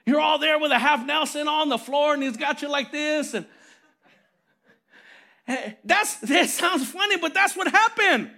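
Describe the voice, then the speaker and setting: A man preaching a lively, conversational sermon as pastor, telling stories animatedly and calling for amens. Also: very high voice, a little slow, vocal fry. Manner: animated storytelling, calls for amens.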